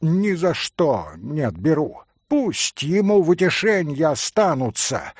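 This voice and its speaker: A man voicing an impulsive, hot-blooded young man who speaks in boisterous, excited exclamations in a storybook reading. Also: a little high, a little slow, breathy edge, no echo, studio quality, pitched above the performer's own voice, full character voice. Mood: defiant.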